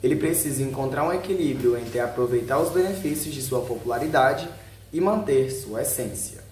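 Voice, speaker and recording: A Brazilian video narrator with a medium-pitched, darkish voice reads his script aloud in short headed sections, speaking at normal speed with lively intonation. Now and then a word trips him up. The space sounds roomy and echoey, with faint background noise.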